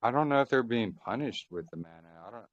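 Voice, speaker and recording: A man's voice: mid-range voice, lively intonation, fast talker, no room sound. A man on a thin, fading call line, joining a Bible study discussion and explaining points at length while quoting scripture and restarting his phrases. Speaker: Bible study group member. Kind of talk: casual group discussion on a call. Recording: dull, dry lo-fi call audio.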